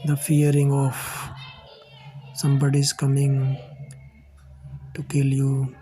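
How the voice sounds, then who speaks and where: A man from India with an Indian English accent, telling his own life story to his viewers in a halting, earnest way. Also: mid-range voice, monotone, warm tone, slight background noise, rough recording. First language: Hindi. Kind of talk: personal storytelling to camera.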